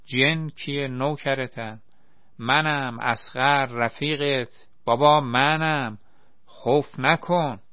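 A man voicing a clumsy, dramatic young volunteer who drags out his words slowly. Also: mid-range voice, no room sound, highs cut off, natural voice. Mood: soothing. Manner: slow, drawn-out exclamations.

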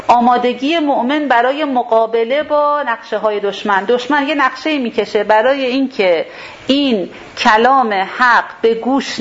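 A woman leading a religious class, explaining a verse step by step and rephrasing its terms. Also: fairly high pitch. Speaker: Quran teacher. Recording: dull lo-fi sound with faint hiss.

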